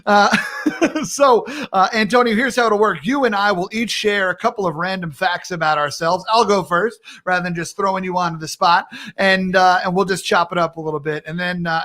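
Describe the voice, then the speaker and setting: Upbeat male live-stream host, high-pitched, playful and quick to laugh. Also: fairly bright tone. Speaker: talk show host. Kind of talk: casual live-stream chat. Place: home in Minneapolis.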